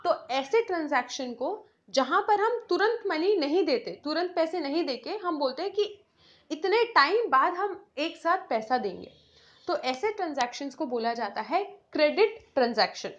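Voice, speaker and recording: High-pitched female teacher, step-by-step classroom explanation, muffled lo-fi audio. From India. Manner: explains step by step, often asks and answers her own questions; mixes in English terms and reads English definitions slowly. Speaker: accounts teacher. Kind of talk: classroom lecture.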